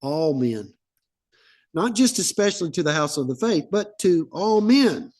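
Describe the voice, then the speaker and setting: A man's voice: on the high side, sing-song, a little slow, darkish tone. A man, a pastor, preaching a sermon in a conversational, anecdotal way and acting out bits of dialogue.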